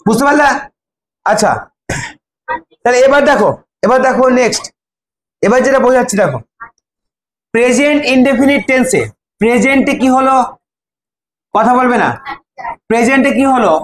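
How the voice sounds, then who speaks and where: Young male teacher, very high voice, coaxing students through drills; echoey classroom. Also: a bit bright. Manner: prompting students by name, repeating words. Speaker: English teacher. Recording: echoey classroom, faint ambience.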